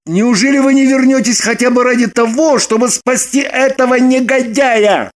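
An actor playing an excitable young man who bursts into shouts and pleads desperately. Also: very high-pitched, normal speed. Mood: pleading. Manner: loud, shouting outbursts.

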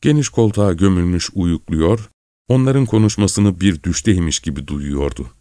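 Low-voiced man reading a story. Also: animated, moderate pace, mellow, dry recording, studio quality. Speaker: audiobook narrator. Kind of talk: scripted literary narration.

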